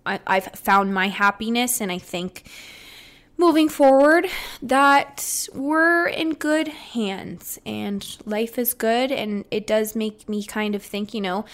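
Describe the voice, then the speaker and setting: A young woman with a slightly congested, fairly bright voice on the high side hosts a solo podcast at a slow pace. She's chatty and upbeat, rambling casually and restarting her sentences.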